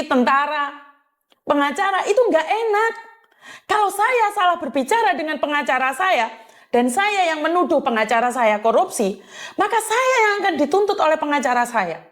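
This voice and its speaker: A woman's voice: very high voice, fairly bright tone. A woman, hosting her channel and answering a complaint in an earnest, repetitive way. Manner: earnest, repetitive, mixes in Javanese phrases. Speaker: channel host. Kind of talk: talking to the camera, replying to a complaint.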